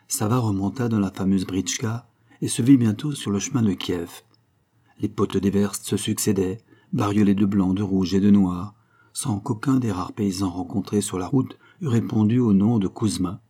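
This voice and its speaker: A man reading a novel aloud in steady, measured scripted narration. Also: on the low side, breathy edge. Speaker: audiobook reader.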